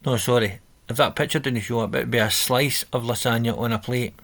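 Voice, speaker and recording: A man's voice: medium pitch, a little fast, a bit bright. A man talking through a coding exercise on a screen recording, reading out steps and correcting himself as he goes. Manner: thinking aloud, self-correcting, reading instructions. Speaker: coding tutor. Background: keyboard typing.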